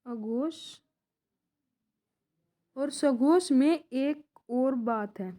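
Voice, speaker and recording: A young woman with a high, warm voice teaches an exam-prep grammar lesson. She speaks slowly, posing questions and then answering them herself to repeat her points.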